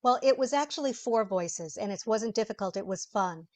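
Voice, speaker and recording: A woman's voice: mid-range voice, lively intonation, moderate pace. Chatty woman voice actor explaining her craft. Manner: chatty, explanatory, laughs often. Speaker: voice actor guest. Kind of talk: interview conversation.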